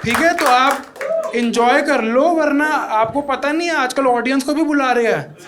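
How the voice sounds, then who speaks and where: Guy doing standup in a club, kinda high voice, ribs the crowd, noisy live audio. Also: moderate pace. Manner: crowd work, teasing the audience and judges; acts out quotes in other voices. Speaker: stand-up comedian. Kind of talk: stand-up comedy set. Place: comedy club with live audience.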